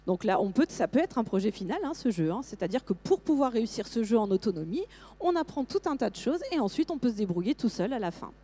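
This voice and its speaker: Middle-aged woman, lively conference speaker, rather high and mellow voice, talks to teachers. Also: fast. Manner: lively, many fillers and restarts. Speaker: teacher trainer presenting to teachers. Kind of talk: conference talk.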